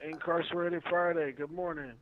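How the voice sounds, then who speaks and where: A man calling in from prison over the phone, chatting in a relaxed, playful way. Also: on the high side, normal speed, a little hiss or hum. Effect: prison phone call. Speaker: caller. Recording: dull lo-fi phone line.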